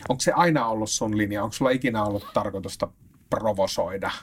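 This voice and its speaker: A man interviewing a guest on the radio, asking calm, measured questions. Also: lowish voice, slight background noise.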